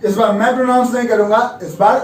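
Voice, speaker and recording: A man teaching English pronunciation in a video lesson, spelling words out letter by letter and repeating each one slowly. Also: sits high, fairly even intonation, roomy sound, far from the mic, a little hiss or hum, low-quality recording. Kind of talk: classroom-style video lesson. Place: room with a board beside him.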